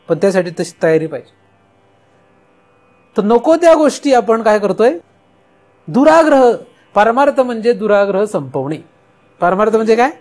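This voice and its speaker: A spiritual teacher from India gives a discourse in a very high-pitched, slightly mellow voice shaped by a Marathi accent. He asks himself rhetorical questions and then answers them, with faint background music.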